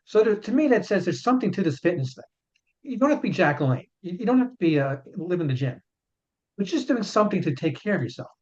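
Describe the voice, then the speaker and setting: Muffled, dull lo-fi audio, like a remote call, carries the voice of a chiropractor and author in his fifties, a guest giving casual interview answers. He explains earnestly, often tripping over repeated words, in a slightly high, a little mellow voice with a sing-song, quick delivery.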